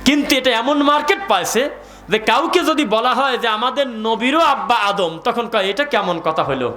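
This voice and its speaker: A man's voice: extremely high pitch, a little fast, pushed and bright. A man with a Bangladeshi Bengali accent preaching a sermon to a gathering, asking the crowd questions and reciting Arabic verses. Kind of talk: sermon at an outdoor religious gathering.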